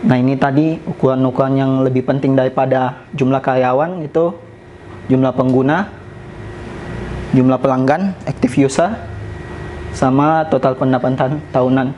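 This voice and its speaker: A man presenting slides at a company sharing session in a casual, relaxed way, often pausing on "eh" and mixing in English business terms. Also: medium pitch, highs cut off, a little hiss or hum.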